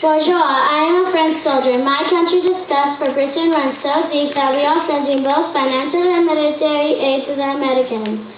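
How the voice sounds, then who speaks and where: A woman's voice: high-pitched, normal speed, few pauses, close to an everyday voice. A woman playing a French soldier. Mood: firm. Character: French soldier, allied with Americans. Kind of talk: school history skit. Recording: echoey room, far mic, dull, faint noise.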